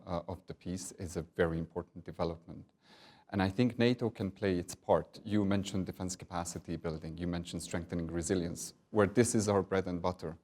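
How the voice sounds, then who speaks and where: Deep-voiced man, measured answers. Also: darkish tone. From Hungary. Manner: measured, diplomatic, with frequent filler pauses. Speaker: NATO partnerships director, guest. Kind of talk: interview answers.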